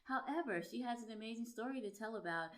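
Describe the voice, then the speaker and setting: A woman's voice: on the high side, fast talker. A woman hosting a faith podcast, who talks with eager, emphatic enthusiasm. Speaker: podcast host and relationship coach. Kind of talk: upbeat podcast interviewing.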